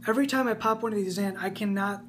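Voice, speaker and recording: A man in his twenties reviews snus on camera in a small indoor room, sounding casual and enthusiastic. His voice sits high and bright, and he talks fast. A faint hum runs in the background.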